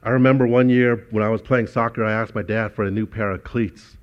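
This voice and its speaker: A man's voice: on the low side, steady tone, fairly quick, highs cut off. A man preaching a sermon as pastor, telling personal stories in a conversational way with frequent restarts.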